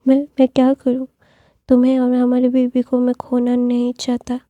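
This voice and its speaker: A woman's voice: a little high, monotone, moderate pace, dry recording, phone-quality sound, natural voice. A woman voicing a lovesick young male emperor who pleads tearfully and repeats himself in a storybook reading. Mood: pleading.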